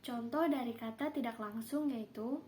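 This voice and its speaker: A woman's voice: a little high, normal speed, darkish tone, slight background noise. A woman teacher giving a classroom grammar lesson, explaining steadily and reading out example sentences.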